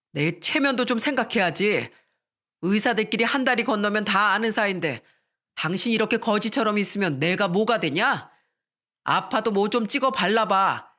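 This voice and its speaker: A woman's voice: medium pitch, a bit bright. A woman voicing an arrogant, cruel male doctor who sneers at his sick wife. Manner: sneering, contemptuous.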